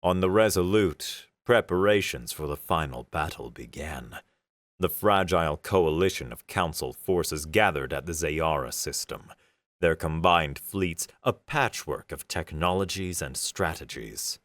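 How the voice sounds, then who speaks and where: Male audiobook narrator, extremely deep voice, slow and expressive, dry close sound. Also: no echo.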